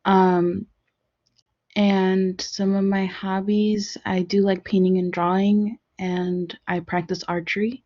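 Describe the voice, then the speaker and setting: A young woman student introducing herself in an online class, relaxed and a little hesitant. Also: medium pitch, takes it slowly, dry recording. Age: young adult. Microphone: video call mic. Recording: dry muffled video call audio.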